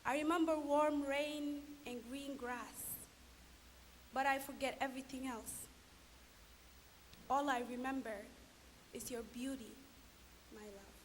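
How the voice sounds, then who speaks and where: A woman's voice: high voice, fairly even intonation. Young woman from Sudan reciting poetry. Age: young adult. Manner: heartfelt, slow and deliberate in the poem. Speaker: chorus member reciting a poem. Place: large concert hall. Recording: reverberant hall, faint hiss.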